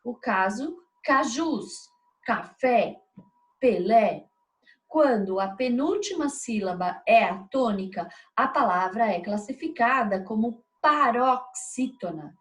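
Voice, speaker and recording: A woman's voice: on the high side, animated, a little slow, few pauses, a bit bright. A woman teaching a video lesson, explaining step by step and checking in with frequent tag questions.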